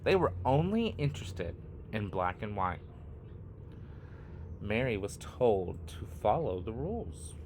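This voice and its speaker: Reading a children's picture book aloud, a male storyteller takes an unhurried, lively approach, placing deliberate pauses between brief phrases. His pitch sits in the middle and moves freely up and down, and there's a little background noise.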